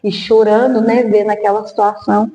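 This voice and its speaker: A woman's voice: mid-range voice, little pitch movement, brisk, mellow. A woman telling her personal testimony as a podcast guest, earnest, now and then acting out remembered dialogue. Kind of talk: emotional personal storytelling. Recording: echoey hall.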